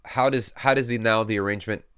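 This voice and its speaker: In relaxed tutorial-style talk, a male music producer explains what he's doing as he works. He speaks fast, with a lowish, clear and resonant voice.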